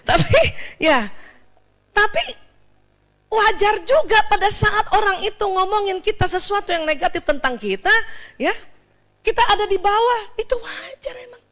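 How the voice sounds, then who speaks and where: A woman speaks at an Islamic study session, her voice sitting high and swinging widely up and down. She talks straight to the women listening and laughs easily as she goes. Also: measured pace, pauses often. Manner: expressive, laughs often, speaks directly to listeners. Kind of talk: lively talk to an audience of women.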